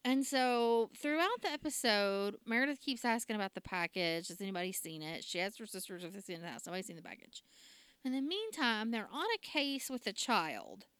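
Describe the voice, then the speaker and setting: A woman's voice: medium pitch, very animated, brisk, fairly bright tone, clear, resonant tone, dry recording. A woman, casually recapping a TV drama episode and laughing often. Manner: chatty, laughs often, acts out quotes. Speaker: podcast co-host recapping a TV drama. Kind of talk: casual chat.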